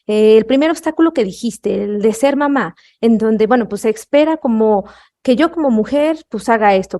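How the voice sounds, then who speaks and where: A woman's voice: high-pitched, warm tone. A woman hosting an interview, thoughtfully summing up her guest's words with frequent fillers. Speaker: podcast host. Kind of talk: reflective interview talk.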